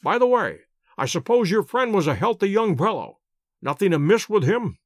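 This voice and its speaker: A man reading a precise, calm detective. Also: sits high, no room sound, clean studio sound. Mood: reasoning. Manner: measured, precise, lecturing. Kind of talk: audiobook character voice.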